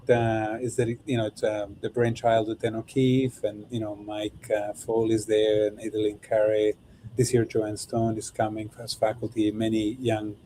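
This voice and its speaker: A man co-hosting an interview, casual and rambling, halting with fillers. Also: on the low side, dark tone. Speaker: podcast co-host. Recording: remote video call, faint background noise.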